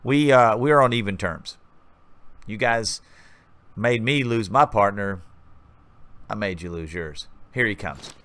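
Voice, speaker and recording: With a fairly low, slightly bright voice and no echo, a man talks a little slowly and pauses often. He hosts a gaming channel and is casually narrating his gameplay in a rambling, chatty way.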